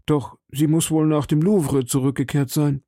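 A man voicing a timid, frightened shopkeeper who pleads anxiously in a raised, higher voice. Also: steady tone, moderate pace, warm tone, dry recording, clean studio sound.

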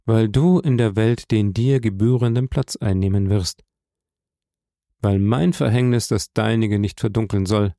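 A man playing a grave, gravelly-voiced nobleman. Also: lowish voice, fairly even intonation, a little slow, warm tone, dry recording, clean studio sound. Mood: solemn. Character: grave older nobleman, solemn and weary.

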